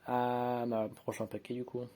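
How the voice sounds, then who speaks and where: A man's voice: medium pitch, completely flat delivery, moderate pace, dark tone, a little hiss or hum. A man chatting casually to his viewers as he opens sticker packs, rambling and sorting each card aloud with self-mocking asides, filmed on a handheld phone at home. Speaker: vlogger opening sticker packs. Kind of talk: casual unboxing chat. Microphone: handheld phone camera, no tripod.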